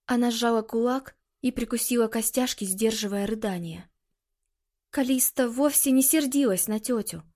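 A woman reading an audiobook in a measured, expressive way. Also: on the high side. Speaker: audiobook narrator. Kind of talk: scripted audiobook narration.

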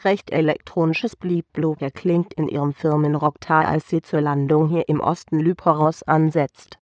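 A man's voice: fairly high pitch, fairly even intonation, normal speed, no echo, dull audio. A man narrating a whimsical science-fiction audiobook in a playful storytelling manner. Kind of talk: scripted sci-fi story narration.

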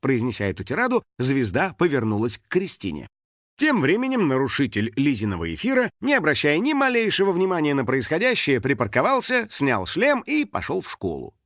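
A man narrating a children's story in an audiobook with expressive storytelling. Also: fairly high pitch, brisk, no room sound, clean studio sound. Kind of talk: scripted narration.

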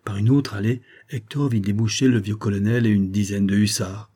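Lecteur à la voix grave et voilée. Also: male voice, on the low side, steady tone, a little fast, dark tone. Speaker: narrator. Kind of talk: audiobook reading of a classic novel.

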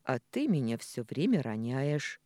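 A man's voice: medium pitch, sing-song, measured pace, a little mellow, no echo, studio quality. A man doing a wry, grumbling village man.

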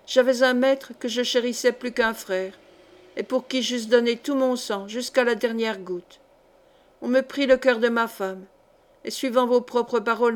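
A grave, brooding nobleman nursing an old wound, vengeful and bitter, as a woman reads him aloud. His voice stays slightly high for a man, with anguish breaking through the restraint. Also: lightly acted. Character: embittered vengeful nobleman, middle-aged man. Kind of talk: audiobook character reading.

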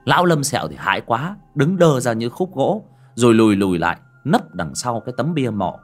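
A man narrating a horror story in a vivid, expressive way. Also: mid-range voice, moderate pace, faint music behind. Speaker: audiobook narrator.

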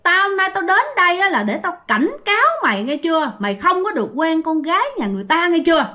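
A woman playing a shrill, menacing strange woman. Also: sing-song, bright, forceful tone, exaggerated voice. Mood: threatening. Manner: scolding, shrill, rapid threats. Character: fierce menacing strange woman threatening a young man.

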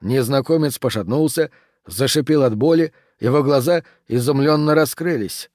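A man's voice: medium pitch, moderate pace, darkish tone, no echo. Man narrating an audiobook, dry sound. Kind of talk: scripted narration.

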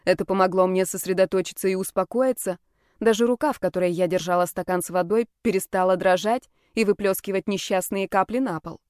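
A woman reading a first-person audiobook with an even, expressive delivery. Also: mid-range voice, fairly quick, dry recording, clean studio sound. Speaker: audiobook narrator.

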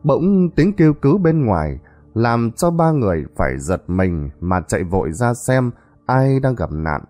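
A man's voice: mid-range voice, sing-song, a little slow, warm tone, faint music behind. A man telling a horror story in a dramatic way that builds suspense.

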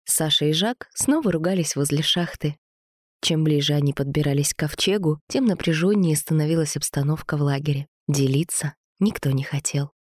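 Low-voiced woman narrating a story. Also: normal speed, a little mellow, no room sound, clean studio sound. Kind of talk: audiobook narration.

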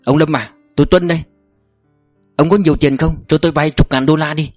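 A man's voice: fairly high pitch, steady tone, brisk, darkish tone, no echo, faint music behind, voice pushed up, lightly acted. A man voicing a sly scheming security chief. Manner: blunt, bossy.

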